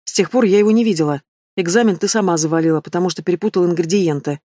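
A woman voicing a sharp-tongued young female student who answers with cool, mocking retorts. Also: lowish voice, racing, dry recording, clean studio sound, lightly acted. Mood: exasperated.

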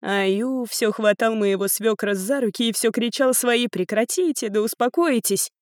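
A woman reading a novel aloud in a calm, detached narrating voice. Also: fairly high pitch, moderate pace, dry recording, studio quality. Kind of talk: audiobook narration.

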